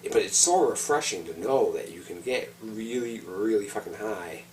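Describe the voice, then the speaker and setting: A middle-aged man with a deep voice rambles in a laid-back stoner manner. His talk is loose, casual and full of swearing, like an off-the-cuff personal vlog. The mic sits at a distance, with a faint noisy hum behind him. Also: animated, normal speed, a little mellow.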